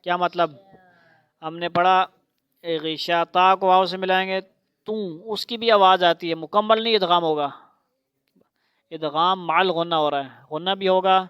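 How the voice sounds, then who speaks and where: Lady teaching quran reading, slow syllable by syllable then quick explaining, smooth clear voice. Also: lowish voice, steady tone, dry recording, dull audio. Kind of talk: teaching recitation to a child.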